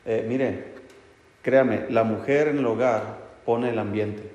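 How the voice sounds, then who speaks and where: A man's voice: medium pitch, slow pace, a little mellow, muffled recording. A man preaching a conversational sermon, speaking plainly to the men and often checking in with "right?". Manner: plain, talks straight to the men, keeps asking "¿verdad?" and "¿sí?". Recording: echoey hall reverb.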